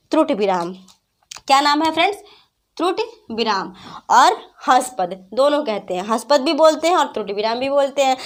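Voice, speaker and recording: High-voiced woman teaching a grammar class. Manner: repeats questions to students, addresses them as friends; patient, explains slowly with examples. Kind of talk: online class lesson.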